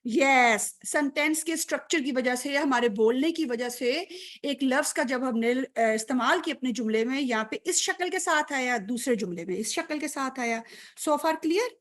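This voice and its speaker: With a high-pitched voice, this woman leads an online grammar lesson, sprinkling English terms into what she says. She stays patient and keeps asking whether her students follow along.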